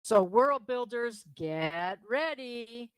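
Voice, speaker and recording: Woman, co-host, higher voice, dry sound, excited, upbeat. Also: extremely slow, clean tone, no echo, low-quality recording. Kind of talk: live-stream news reading.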